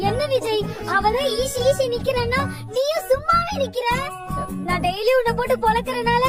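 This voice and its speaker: A woman playing a loud, melodramatic wife who wails and scolds. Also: very high voice, moderate pace. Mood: scolding. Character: wailing wronged wife, dramatic and loud. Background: loud children's music.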